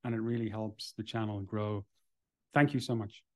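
A man's voice: fairly low pitch, fairly even intonation, normal speed, no room sound, studio quality. A man hosting a podcast interview, friendly and grateful, asking long, winding questions. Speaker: podcast host.

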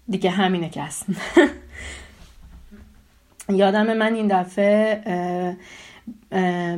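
Young woman from iran telling her own story, lots of pauses and ums. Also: medium pitch, a little mellow. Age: 20s. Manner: hesitant, pauses with fillers. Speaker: interviewee. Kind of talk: personal storytelling.

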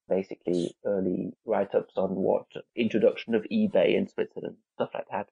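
Here the same kind of speaker is heard: a man in his forties from England, guest on an interview podcast and head of visuals at a newspaper, chatting in a conversational interview full of fillers and restarts. He has a lowish, darkish voice with vocal fry, and the high frequencies are cut off.

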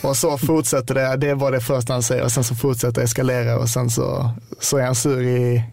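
Laid-back Scanian man with gravelly voice. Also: medium pitch, dry recording. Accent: Scanian Swedish. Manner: relaxed, hesitant with many fillers. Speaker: football player guest. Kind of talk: casual podcast chat.

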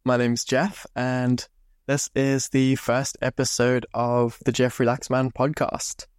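A man's voice: medium pitch, little pitch movement, takes it slowly, clear, resonant tone, no room sound. A young man from Zimbabwe hosting a podcast, telling stories in a loose, chatty way and swearing freely into a close mic. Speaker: podcast host. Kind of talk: casual storytelling monologue.

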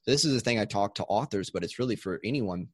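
A man's voice: on the low side, lively intonation, quick pace, breathy edge, dry recording, clean studio sound. A man talking as a guest in an interview, explaining his ideas with enthusiasm and a few restarts. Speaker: audiobook coach and guest. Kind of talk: conversational interview.

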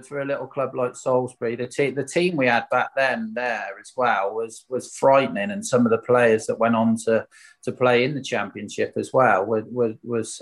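A man from Swindon with a Wiltshire accent, a former footballer telling stories in a casual interview, candid, colloquial and questioning himself. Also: medium pitch. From Swindon, England. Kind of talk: casual anecdotal interview chat.

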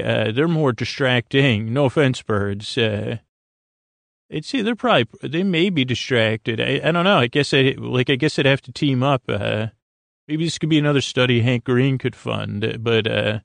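In a rambling, whimsical bedtime monologue, a sleep podcast host drifts from idea to idea, halting hesitantly and leaving sentences unfinished. His creaky voice is medium in pitch with a fairly bright tone, and the very dry audio has no room sound.

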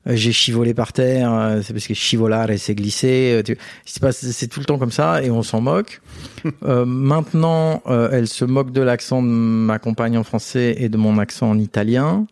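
A man's voice: medium pitch, fairly even intonation, moderate pace, a little mellow, dry recording. Man, interview guest, hesitant, many fillers, dry close sound. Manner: hesitant, many fillers and restarts, chuckles often. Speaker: interview guest, company founder. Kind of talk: casual conversational interview.

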